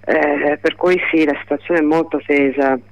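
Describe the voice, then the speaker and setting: A woman giving a live report by telephone, talking in a halting way with many fillers and restarts. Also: low-pitched, steady tone, vocal fry, no echo, highs cut off. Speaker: phone-in reporter.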